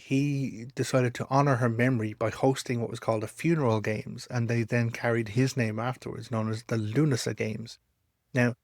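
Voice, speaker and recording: A man's voice: mid-range voice, no room sound, studio quality. An Irish man giving an informal explanatory talk in a conversational storytelling manner, repeating words for emphasis. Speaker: storyteller and pagan teacher.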